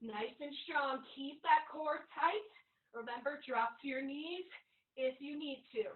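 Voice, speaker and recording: A woman's voice: sits high, a little slow. A woman fitness instructor leading an online workout class like a halftime pep speech, urging people on in short, encouraging commands. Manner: urgent, encouraging cheerleading with short commands and whoops. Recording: echoey room, far from mic, thin phone-like sound.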